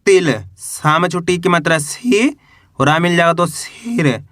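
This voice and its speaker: A man's voice: on the high side, sharp tone, no echo, studio quality. A man teaching a beginners' Hindi reading lesson, patient and repetitive, asking questions and answering them himself. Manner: patient and repetitive, asks questions then answers them, stretches example syllables.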